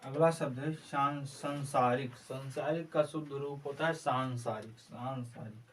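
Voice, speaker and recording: Guy teaching a class, super slow, says every word again and again, mic kinda far off. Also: medium pitch, steady tone, fairly bright tone. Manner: slow, repeats each word several times while writing. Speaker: Hindi teacher. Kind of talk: exam prep lesson, word-by-word spelling drill. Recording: distant mic with faint background noise.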